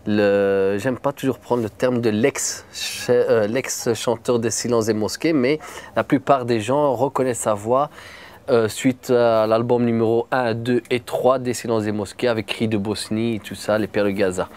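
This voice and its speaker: A man's voice: mid-range voice, steady tone, a little slow, darkish tone. A man who runs a production company, talking casually about an artist he produces. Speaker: music producer. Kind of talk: interview answers.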